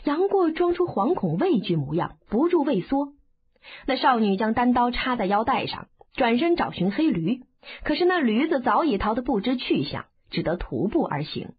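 A woman narrating a martial arts novel as an audiobook, in an expressive, dramatic storytelling manner. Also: on the high side, normal speed, slightly rough. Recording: phone-like narrow band.

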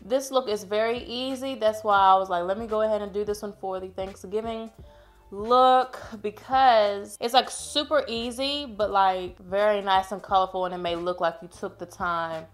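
Soft music plays behind a woman with a medium-pitched voice at normal speed as she chats through a makeup tutorial indoors at home. The beauty vlogger is playful and talkative, says y'all to her audience, and sounds a little stuffed up.

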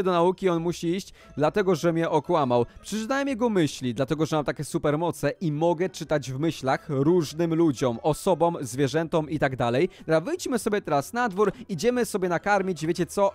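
A man playing out a Minecraft role-play as a YouTuber, talking excitedly and exclaiming to his viewers. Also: fairly high pitch. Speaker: gaming YouTuber.

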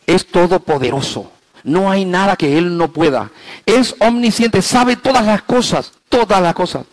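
A male pastor preaches, alternating between loud, high-pitched emphasis and quiet, low stretches, slowing to stress key phrases and posing rhetorical questions to the congregation. The recording is low quality but has no echo.

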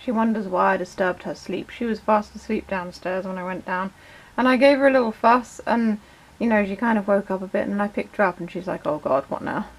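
A woman's voice: medium pitch, fairly quick, poor audio. A woman, hosting a casual video and fondly chatting to her pet. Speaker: video host. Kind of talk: casual chat to camera.

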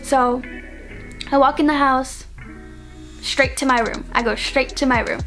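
A young woman with a slightly high voice tells a personal story to her channel in a loose, chatty monologue. She rambles and fills nearly every phrase with "like". Soft music plays faintly underneath. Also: fairly even intonation, unhurried. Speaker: vlogger.

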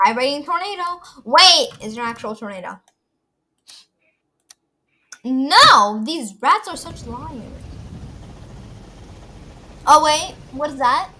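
A young woman chatting casually with a friend while playing an online game, excitable and fond of saying "bro". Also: high-pitched, takes it slowly, long pauses. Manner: excitable, says "bro" a lot. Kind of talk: casual gameplay chat with a friend. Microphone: gaming headset mic.

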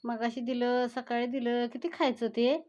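A woman's voice: a little high, flat delivery, moderate pace, darkish tone, dull audio. A woman chatting to her pet cat, chiding and then doting on it as if it were a child. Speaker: vlogger talking to her cat. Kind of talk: casual scolding and cooing to a pet.

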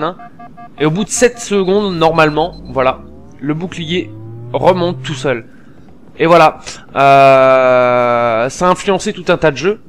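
A man hosting a gameplay video, chatty and excitable, peppering his casual commentary with slang, swearing and fillers. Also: on the high side. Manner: many fillers while explaining.

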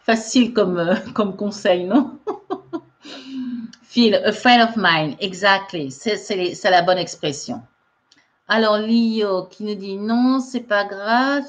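A woman leads a live online English lesson, reading viewer comments aloud and laughing easily. She speaks very slowly, her voice sits a little high, and the audio sounds dull and lo-fi. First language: French. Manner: laughs often, reads viewer comments aloud, slow careful explanations. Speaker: English teacher.

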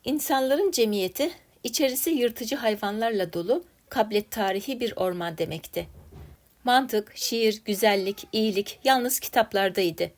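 A woman narrating a classic literary story in a measured, dramatic reading style. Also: a little high. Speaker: story reader.

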